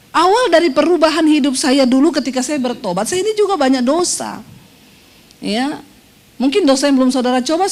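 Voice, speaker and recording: A middle-aged woman pastor preaching a sermon, teasing the congregation and acting out quoted voices. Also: high-pitched. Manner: humorous, teasing the congregation with quick asides; acts out quoted voices in dialogue.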